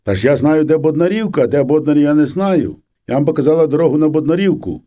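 A frightened village mother begs soldiers in an anxious, pleading tone, as a man puts her on. The voice sits somewhat higher than a plain reading, with a soft, mellow color. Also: lively intonation, fast, natural voice.

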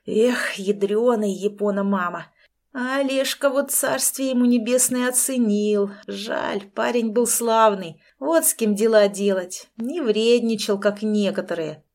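A woman reading an audiobook, voicing a smug, menacing middle-aged male crook who mocks and threatens in a loud, casual way. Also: a little high, unhurried. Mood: mocking. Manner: mocking, gloating, casually threatening.

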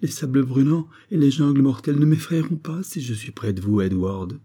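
Male reader doing a frail young wife, raised pitch, dark tone, begging and tearful. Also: moderate pace, breathy edge, close to an everyday voice. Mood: devoted. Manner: pleading, tearful. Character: fragile pale young wife, pleading and tearful. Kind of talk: audiobook character reading.

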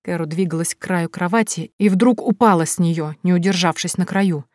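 A woman narrating an audiobook chapter in the first person, steady and measured. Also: on the low side, no room sound, clean studio sound.

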